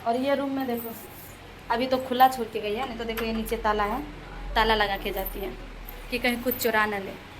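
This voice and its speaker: A woman's voice: a little high, fairly even intonation, moderate pace, background noise. A young woman with a Bihari Hindi accent, vlogging in a plaintive, indignant way on a handheld phone as she walks through her family house and rooftop. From Bihar, India. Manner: plaintive, indignant, pleading to viewers. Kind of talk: aggrieved personal vlog.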